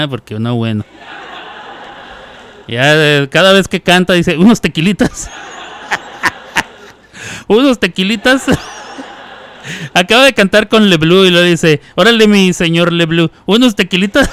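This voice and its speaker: A man's voice: a little high, noisy background. A man hosting a radio show, chatting casually, teasing listeners and laughing often. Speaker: radio host.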